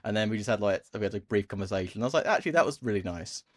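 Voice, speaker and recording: A man's voice: fairly low pitch, lively intonation, very fast, no echo, studio quality. A man co-hosting a podcast, telling rambling, profane, wry anecdotes in casual chat. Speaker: podcast co-host.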